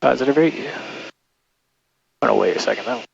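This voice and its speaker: A man's voice: medium pitch, fairly quick, gravelly, lo-fi sound. A male pilot making clipped radio calls through his headset in a small plane's cockpit. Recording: engine drone in a noisy cockpit.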